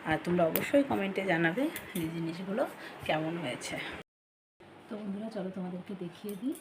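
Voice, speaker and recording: A woman chatting casually to her viewers while cooking at home, keeping her voice low so her sleeping son is not woken. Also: fast. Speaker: home vlogger and mother. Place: home kitchen with a tin roof during rain. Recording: noisy home recording with rain on a tin roof.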